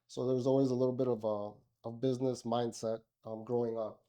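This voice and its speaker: This middle-aged podcast guest from Miami, Florida, has a mid-range voice with a flat, brisk, dark-toned delivery. He chats casually in an interview, full of fillers and restarts.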